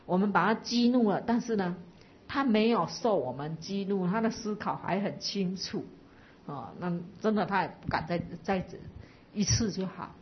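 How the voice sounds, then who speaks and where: A woman's voice: mid-range voice, lively intonation, normal speed, dull audio, a little hiss or hum. A woman Buddhist teacher giving a dharma talk to a live audience, explaining patiently and asking listeners to reflect.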